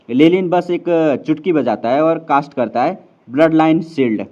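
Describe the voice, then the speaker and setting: A man's voice: mid-range voice, darkish tone. A man casually narrating a fantasy novel recap, chatty and addressing viewers as friends. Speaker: storyteller explaining a novel. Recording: slightly dull lo-fi sound.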